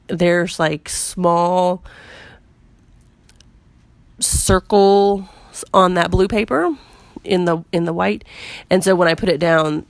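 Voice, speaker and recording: A woman with a cold and a squeaky voice, narrating her scrapbooking video in a chatty, self-deprecating way with lots of fillers. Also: vocal fry, dry recording. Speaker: scrapbooking vlogger. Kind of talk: casual voice-over narration.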